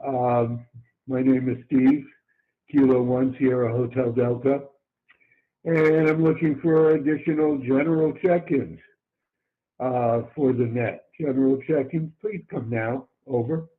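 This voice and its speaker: A man's voice: mid-range voice, fairly even intonation, unhurried. Man hosting over narrow two-way radio. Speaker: amateur radio net controller. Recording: narrow-band amateur radio transmission.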